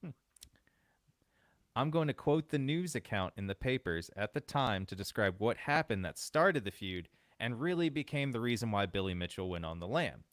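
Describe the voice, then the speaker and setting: A man hosting a podcast, telling a story in relaxed casual chat and laughing often. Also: on the low side, moderate pace, no room sound, clean studio sound. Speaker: podcast host.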